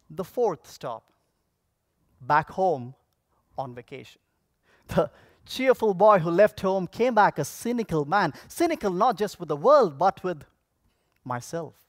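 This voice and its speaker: A man delivering a rehearsed motivational speech, telling stories theatrically with dramatic pauses and projecting to an audience. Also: high-pitched, dry recording, studio quality. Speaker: contest public speaker. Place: on stage at a speech contest convention.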